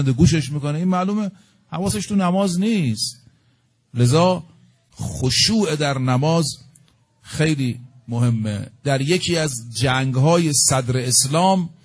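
Middle-aged man preaching a story-driven sermon. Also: a little high. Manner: storytelling, acting out dialogue with rising emphasis.

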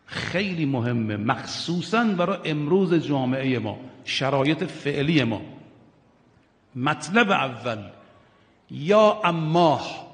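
Male preacher with a fairly high voice, delivering an impassioned sermon that swings from hushed to loud, recorded with long reverb in a large hall. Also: animated. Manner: addresses listeners directly, urging and questioning. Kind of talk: religious sermon.

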